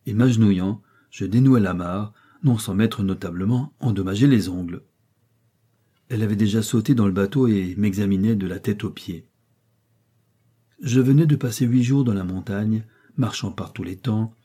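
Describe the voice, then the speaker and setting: A man calmly narrating a classic novella in a measured, literary reading voice with a husky quality. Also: fairly low pitch. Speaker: audiobook narrator.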